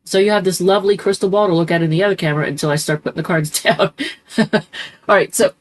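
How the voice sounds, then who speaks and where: A tarot reader with a lowish, cold-congested voice talks fast in a steady tone. She chats loosely through a casual reading, rambling and correcting herself with plenty of ums.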